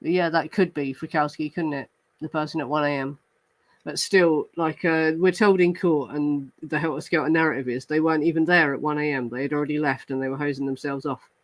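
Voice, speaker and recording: Fairly quick and somewhat high in pitch with even intonation, a true crime podcast host chats casually about live comments, stumbling through fillers and restarts. Now and then he reads from reports. The recording sounds dry and rough.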